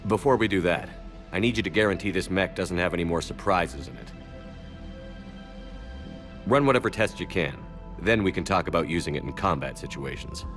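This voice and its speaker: A starship commander in a video game. He, speaking in a direct, steady, authoritative way. There is faint music in the background. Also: low voice, fairly quick, long pauses. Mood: firm, questioning.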